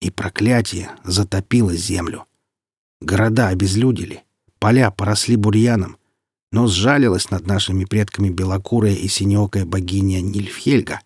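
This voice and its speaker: A man reading the part of a boastful, grim northern warrior who speaks in an unhurried, mocking way. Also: on the low side, a little mellow, slightly rough, no room sound, studio quality.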